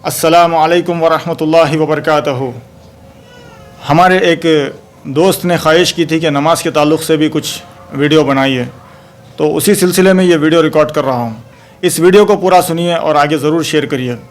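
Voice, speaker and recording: For a recorded video, an Islamic preacher gives a religious talk in a voice fairly high for a man, keeping a steady tone. He preaches emphatically, reciting Arabic verses slowly and measuredly and often exclaiming praise.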